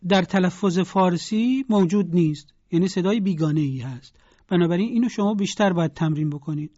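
Slow deliberate teacher drilling letter sounds, dull lo-fi broadcast audio, dry. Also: medium pitch, darkish tone, dry recording. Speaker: Quran pronunciation teacher. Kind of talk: broadcast pronunciation lesson.

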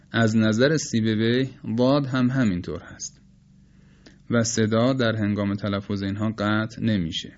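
A man with Persian as his first language, teaching the pronunciation of letters in a measured, explanatory lecture and slowly demonstrating sounds. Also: medium pitch, lo-fi sound. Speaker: teacher of Quranic recitation. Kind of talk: spoken lecture on phonetics.

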